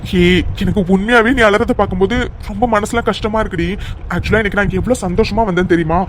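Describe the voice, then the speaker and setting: This cartoon voice acting features an affectionate young man begging his fiancée to stop crying, alternating between coaxing, pleading, and teasing bossiness. The medium-pitched voice keeps a steady tone at a quick pace and sounds close to everyday speech, over slight background noise.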